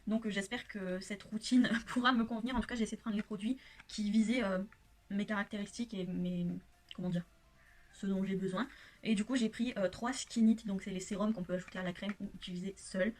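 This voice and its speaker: A woman's voice: mid-range voice, fairly even intonation, a little fast. A woman vlogger chatting through a makeup haul in her home workshop, gushing and hesitating often. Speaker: beauty vlogger. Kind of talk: casual makeup haul vlog.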